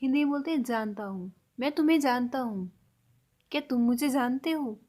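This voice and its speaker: A woman teaching a spoken language lesson, slowly repeating example phrases for learners. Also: high-pitched, a little mellow.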